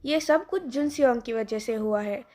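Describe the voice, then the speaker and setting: A woman's voice: on the high side, moderate pace, a little mellow, natural voice. A woman voicing a defiant young woman, the daughter of a rich father, who complains and schemes. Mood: scheming.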